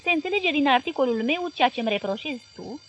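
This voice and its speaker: A woman voicing a loud, blustering man who owns a newspaper, talking in a bellowing, impatient way. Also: very high voice, animated, faint music behind, pitched above the performer's own voice. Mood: grave.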